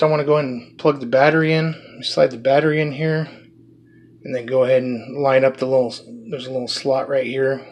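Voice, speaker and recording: A man's voice: mid-range voice, husky. A man giving a casual, rambling product review of a small drone, talking through the parts with many fillers and restarts.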